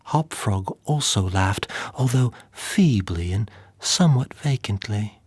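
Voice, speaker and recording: A man narrating a dark tale in a measured, dramatic manner, sinking to whispers. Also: lowish voice, expressive, slightly rough, no room sound, studio quality. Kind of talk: dramatic story reading.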